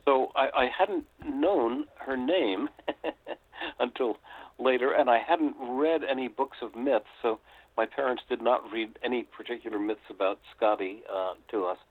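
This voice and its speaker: An older American man tells his story in a reflective, unhurried way, often pausing on an "uh". His voice sits at an ordinary pitch and comes through thin and tinny, as if on a phone call. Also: dry recording. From United States. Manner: reflective, with frequent "uh" hesitations. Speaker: author and guest. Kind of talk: storytelling interview.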